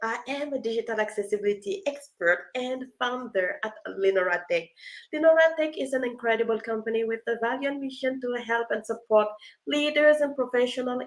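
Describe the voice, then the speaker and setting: A woman's voice: a little high, brisk. A woman hosting a live stream, talking cheerfully, laughing often and reading viewer comments aloud. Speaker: live session host, accessibility expert.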